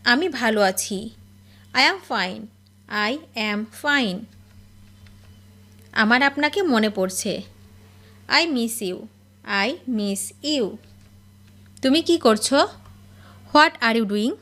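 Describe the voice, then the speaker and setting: Lady drilling english phrases, super slow, kinda high voice. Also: animated, sharp tone. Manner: reads each Bangla phrase, then says the English twice, slowly and clearly. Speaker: English teacher.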